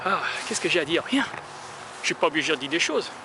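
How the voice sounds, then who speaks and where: A man's voice: a little high, very animated, fast. A man from France vlogging as he walks outdoors, talking in a rambling, hesitant way full of filler sounds. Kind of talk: casual walking monologue. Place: outdoors in a town, walking in the sun. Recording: noisy outdoor street recording.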